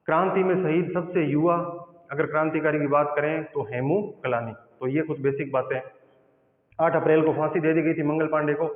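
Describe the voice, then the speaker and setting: A male teacher giving an exam-prep history lesson, asking quiz questions and answering them himself, repeating key points slowly. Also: fairly high pitch. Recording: echoey room on a tinny phone-like mic.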